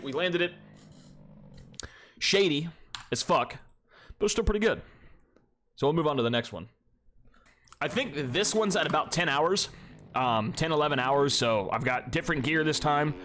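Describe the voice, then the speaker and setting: His voice is a little high at a moderate pace, and he pauses often over a faint hiss or hum. A young man who makes gaming videos, he sniffles through stuffy commentary on his own replays, rambling with fillers, restarts, and easy swearing.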